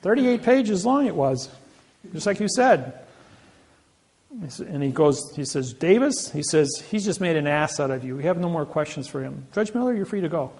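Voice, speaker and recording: Gravelly boastful man telling stories. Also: a little high, animated, a little fast, a little mellow. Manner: boastful storytelling with many restarts. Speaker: seminar speaker. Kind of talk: rambling seminar talk. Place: seminar room.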